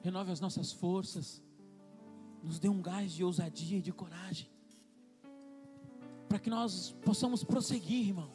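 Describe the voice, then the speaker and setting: A man's voice: high-pitched, unhurried, pauses often, darkish tone, soft background music. A young man with a Brazilian Portuguese accent, preaching a sermon in a church, telling a personal story with emotion and calling people forward to pray. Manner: storytelling, emotional, rising into fervent prayer call. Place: church hall.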